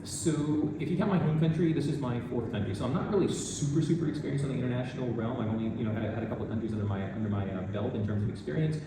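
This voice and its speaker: A man from the United States, an older math teacher, answering interview questions in a relaxed, rambling way with many restarts. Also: medium pitch, rapid-fire, hardly any pauses, noisy background. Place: school in Vietnam. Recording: echoey room, distant mic, music behind.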